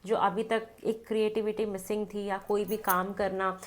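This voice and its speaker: This woman reads tarot cards casually for the camera, her nose blocked from a cold. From North India, she has a mid-range, level voice at normal speed, and she chats freely, repeats her phrases, and chants between cards.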